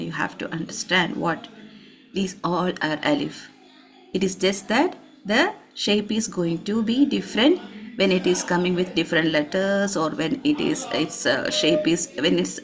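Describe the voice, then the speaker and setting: A woman teaching a children's Quran reading class, stretching sounds slowly and often asking if the students understood. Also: mid-range voice, a little hiss or hum. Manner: slow, drawn-out letter demonstrations; checks in with "Understood?". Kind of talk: online class instruction.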